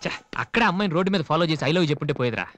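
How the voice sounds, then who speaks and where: A man's voice: fairly high pitch, animated, very fast, background noise, close to an everyday voice. An actor playing an awkward young man who asks his friend how to win a girl. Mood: puzzled. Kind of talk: comic film dialogue.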